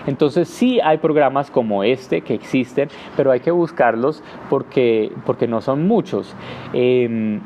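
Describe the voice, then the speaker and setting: A man's voice: medium pitch, a little slow, mellow, slight background noise. A man teaching English in a live question-and-answer session, explaining patiently with frequent "eh" fillers and tapping out rhythms with "ta ta ta". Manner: demonstrates rhythms with "ta ta ta". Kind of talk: live Q&A lesson.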